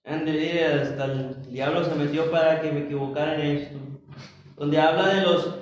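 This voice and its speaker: A high-voiced man preaches a Bible study in a measured, halting way, stopping to correct himself and speak to the congregation. He is heard from some distance in a very roomy church hall. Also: fairly even intonation, highs cut off, a little hiss or hum. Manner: slow, halting, with frequent restarts and asides to the congregation. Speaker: pastor.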